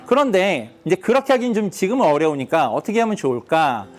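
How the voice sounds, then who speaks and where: High-voiced man teaching guitar. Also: lively intonation, fast. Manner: explains step by step, asks the class questions, counts beats aloud. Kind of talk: guitar lesson.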